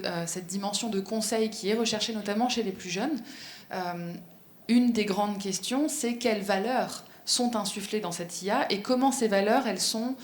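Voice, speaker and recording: A woman giving a conference talk and answering questions, explaining at length with frequent hesitations and fillers. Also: mid-range voice. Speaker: speaker at a professional conference. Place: conference room. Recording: echoey conference room.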